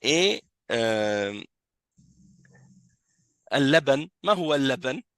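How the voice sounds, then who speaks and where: Guy teaching arabic in a mosque class, gravelly voice, dry sound, patient, keeps repeating stuff. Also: medium pitch, very animated, measured pace, a bit bright, no echo. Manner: patient, repeats and corrects students, mixes French and Arabic. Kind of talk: classroom lesson explaining Arabic in French.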